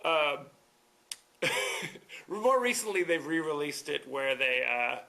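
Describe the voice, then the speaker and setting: Hosting a movie podcast solo, a man talks slowly in a somewhat high, expressive voice with vocal fry and a sharp edge. His casual review rambles wryly, dotted with chuckling asides.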